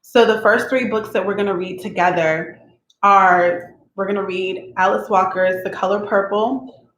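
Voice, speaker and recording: A chatty woman in a roomy, echoey space talks casually at home before a read-aloud, checking in with "okay?" as she goes. Her pitch sits in a middle range, and faint noise hangs under her voice. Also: fairly even intonation, measured pace, a bit bright. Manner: chatty, tags sentences with "okay?"; emotional, openly expects to cry. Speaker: host of a book-reading channel. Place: at home with her cat nearby.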